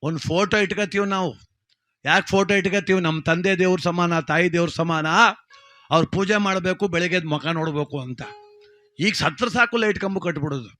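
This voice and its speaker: A man telling a village comedy story with a rural Karnataka Kannada accent, acting out each character with sudden high shouts. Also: brisk, faint music behind.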